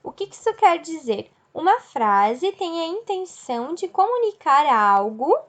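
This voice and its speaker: A woman's voice: very high-pitched, big pitch swings, measured pace. A woman teacher giving a recorded video lesson, explaining step by step and asking and answering her own questions. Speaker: school teacher.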